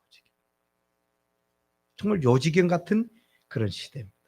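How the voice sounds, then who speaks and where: A middle-aged man preaching, his gravelly voice rising and falling with lively swings of pitch. His tone is slightly husky. He talks to the congregation conversationally and keeps asking rhetorical questions. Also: normal speed. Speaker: pastor. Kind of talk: sermon.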